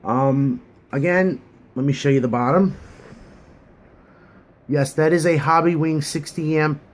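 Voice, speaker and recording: A man's voice: on the high side, a little slow. A man giving a casual hobby review, chatty and earnest, rambling with many fillers and restarts.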